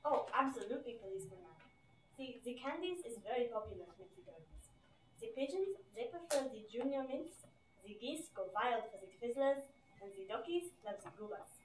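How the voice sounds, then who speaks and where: A woman's voice: a little high, sing-song, brisk, a little hiss or hum. A woman playing Gretel with a fake German accent. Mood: chatty. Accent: put-on German. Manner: broken, childlike wording. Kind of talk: amateur school stage comedy. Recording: echoey room from far off.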